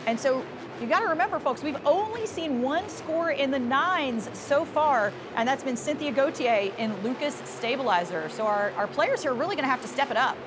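Engines roar behind a female sports commentator giving upbeat play-by-play on a motorsport show, in the style of arena commentary. Her high voice is expressive and moderately paced, over a noisy background.

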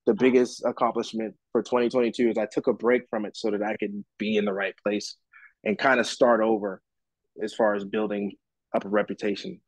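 A man with a low voice speaks into a dry, close mic as he answers an interviewer's questions. He talks loosely, wandering through his thoughts with plenty of fillers and restarts. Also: brisk, no room sound, rough recording. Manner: relaxed, rambling with many fillers and restarts. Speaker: musician guest.

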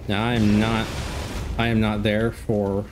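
A young man, congested from a cold, delivers casual let's-play commentary in a low, slightly slow voice against a noisy background. He's chatty and jokey, breaking into excited outbursts when fights happen. He uses a desk microphone.

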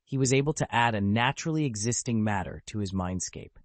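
A man narrating an audiobook with a steady, literal reading of the text. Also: lowish voice, brisk, no echo. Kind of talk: scripted narration.

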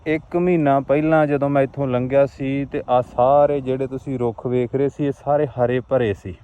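A man's voice: mid-range voice, clean tone, dry recording, narrow, tinny audio. A man with a Majhi Punjabi accent making a plaintive, exhortative outdoor vlog appeal to viewers. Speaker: vlogger. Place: outdoors on a rural roadside.

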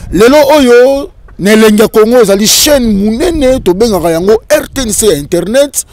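A man in his thirties hosting a street interview outdoors with a handheld mic, presenting in a lively, announcer-like way. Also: high voice, normal speed, dry recording. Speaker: interview host. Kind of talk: energetic show presenting in French and Lingala. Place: outdoors by a river in a park. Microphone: handheld microphone.

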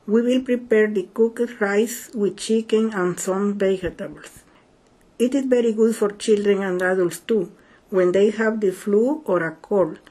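A woman's voice: medium pitch, measured pace, warm tone, husky. An older woman from Guatemala with a Guatemalan Spanish accent, explaining a home recipe in careful, plain second-language English. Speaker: home cook sharing a recipe. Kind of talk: simple narrated recipe explanation.

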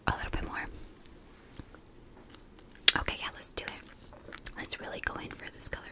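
A young woman doing a whispered role-play close to the mic, with tingly ASMR mouth sounds between soft, repetitive, soothing phrases. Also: moderate pace. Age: young adult. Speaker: ASMR video creator. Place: small indoor room. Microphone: close to the mic, facing camera.

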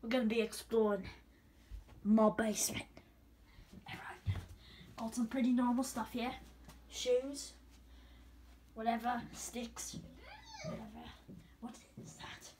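Her voice on the high side and a little mellow, a young vlog co-host delivers flatly and slowly, pausing often. It's a playful, improvised mock-horror bit filmed on a noisy handheld camera in a dim, carpeted home basement.

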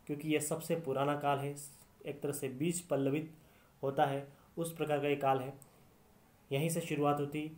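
A man's voice: on the high side, darkish tone. A man teaching Hindi literature in a lecture, explaining step by step and repeating key phrases. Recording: echoey room.

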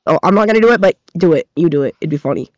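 A man's voice: fairly high pitch, lively intonation, rapid-fire, no echo. A young man in a joking casual chat on a voice call, giggling and egging his friend on. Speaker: co-host on a call. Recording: dry dull lo-fi voice call.

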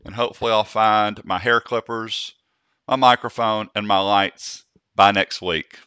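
A man hosts a software tutorial, speaking slowly and deliberately as he demonstrates commands. His voice sits low yet comes through bright and crisp. It is recorded close and dry, with no room sound. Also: steady tone, no echo, dull audio. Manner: slow, deliberate speech for demonstrating dictation commands.

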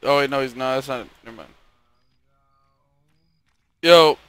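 A man's voice: medium pitch, measured pace, a bit bright, smooth, no echo. A man role-playing a police officer in a game, joking around, swearing freely and laughing often. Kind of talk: casual role-play banter.

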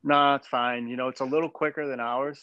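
A man in his forties, a head baseball coach, answering press questions after a game in a measured way with many fillers and restarts, over a video call from a small room. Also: medium pitch, fairly even intonation, sharp tone, no room sound. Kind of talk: postgame press conference. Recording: dull dry video call audio.

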